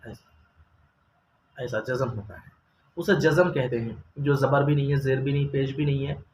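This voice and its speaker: A man's voice: mid-range voice, fairly even intonation, normal speed, darkish tone. Male Quran-reading teacher, patient and methodical, stretches out example sounds, echoey room, faint hiss. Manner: patient, asks questions then answers them, drawls example sounds. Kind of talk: step-by-step recorded lesson. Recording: roomy echo, faint ambient noise.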